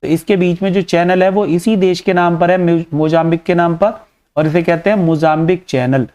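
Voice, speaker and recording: Indian-accented male geography teacher, high voice, crisp and resonant, drills facts with repeated questions. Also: fairly even intonation, moderate pace, darkish tone, muffled recording. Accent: Indian Hindi. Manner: frequent "है ना" tag checks. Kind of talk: exam-prep map lesson.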